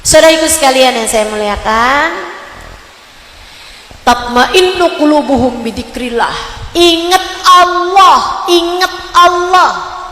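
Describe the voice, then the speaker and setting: Woman preacher, slow sing-song sermon, repeats refrains over and over, bright voice, roomy echo. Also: high-pitched, expressive. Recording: echoey hall with long reverb.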